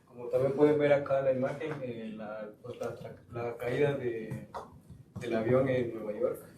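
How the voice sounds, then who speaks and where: A man from Guatemala giving a student presentation to a school board, pausing often with fillers. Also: mid-range voice, steady tone. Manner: halting, with frequent fillers. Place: school board meeting room. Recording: echoey room, far mic, noisy.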